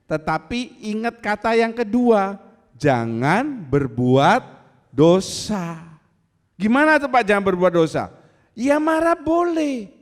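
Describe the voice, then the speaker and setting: A man preaching to his congregation. His voice sits high and swings up and down as he teases and acts out scenes. It rings with the long reverb of a church hall. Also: slow. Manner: animated, teasing, acts out angry voices. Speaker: pastor. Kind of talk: sermon.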